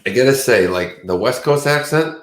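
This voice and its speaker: With a medium pitch, lively intonation and normal speed, a man from the Boston area chats on a true crime stream he co-hosts. He sounds sleepy, wandering from point to point in a relaxed, talkative manner and often restarting. His voice carries a roomy echo.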